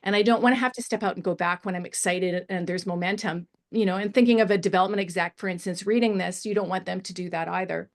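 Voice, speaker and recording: A woman story editor gives spoken feedback on a script during a discussion, her voice fairly low with fairly even intonation. She speaks haltingly but emphatically and often illustrates her points with examples.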